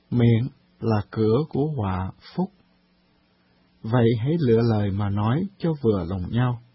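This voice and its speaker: A man presenting a scripted radio talk programme, reading in a calm, measured way. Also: lowish voice, slightly rough, dry recording. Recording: dull lo-fi radio recording.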